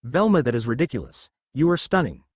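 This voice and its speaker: A man's voice: mid-range voice, big pitch swings, fairly quick, breathy edge, dry recording. A man voicing a frank, caring teenage boy ninja in a spoken storybook, talking in a dry tone. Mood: earnest.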